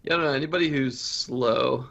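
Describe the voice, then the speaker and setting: A man with a gravelly, creaky voice makes short, hesitant comments on a gaming podcast. His mic sounds muffled and lo-fi. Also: mid-range voice, brisk, a bit bright. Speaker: podcast co-host. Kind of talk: casual gaming podcast chat.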